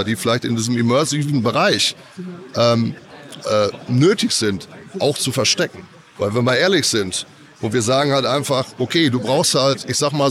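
In a laid-back trade-fair interview, an audio company rep who's clearly got a cold talks loosely about audio technology, leaning on fillers. The voice is medium-pitched and a bit bright.

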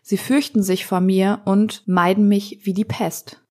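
A woman's voice: mid-range voice, level tone, unhurried, a little mellow, lightly acted. A woman voicing a timid, sad grey female spirit of sadness, speaking hesitantly with a breaking voice, in a storybook reading. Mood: lamenting.

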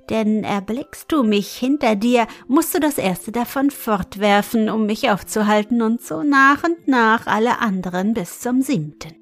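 Woman reading a nasty old witch, sly and slow, a bit high, quiet music behind. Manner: cunning, then shrieking threats. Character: vengeful old female witch.

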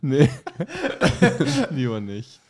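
A male comedy podcaster chatting loosely with friends. His pitch moves a lot, and his teasing keeps breaking into laughter. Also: big pitch swings, very slow, very noisy. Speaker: podcast co-host. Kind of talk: casual chat.

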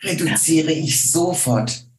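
Middle-aged woman voice coach as a guest, deep-toned, unhurried and measured, pausing often, in a roomy room. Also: lively intonation. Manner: slow, deliberate, with many hesitations. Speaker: voice and singing teacher, guest. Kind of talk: casual interview talk.

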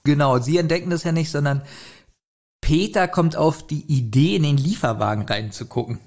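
Reviewing an audio drama, this male podcast co-host chats casually and offers opinions on the story. He talks at normal speed in a somewhat high voice with a darkish tone.

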